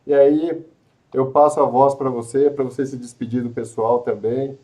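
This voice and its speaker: A man hosts a live web show, chatting earnestly and pitching a course, often restarting and repeating himself. His mid-range voice is steady and dark-toned at normal speed, on a low-quality recording.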